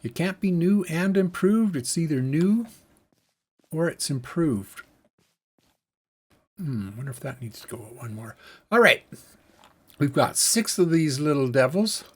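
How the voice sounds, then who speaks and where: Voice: mid-range voice, animated, unhurried, pauses often, breathy edge. A let's-play host giving casual gameplay commentary, musing aloud and thinking through each task step by step.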